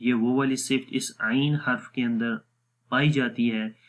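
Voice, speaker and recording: A young man gives a recitation lesson in an even, middle-pitched voice. He speaks very slowly and patiently. He stretches single sounds out long so a learner can copy them. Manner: drawn-out demonstrative pronunciations of letters. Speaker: Quran recitation teacher. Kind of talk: slow explanatory lesson.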